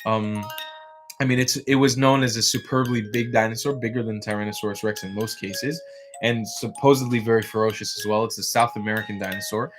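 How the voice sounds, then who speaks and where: A man's voice: lowish voice, steady tone, brisk, faint music behind. Rambling, sleepy livestream host, man. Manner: chatty, rambling, frequent fillers and restarts. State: yawning, tired. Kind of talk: casual livestream chat.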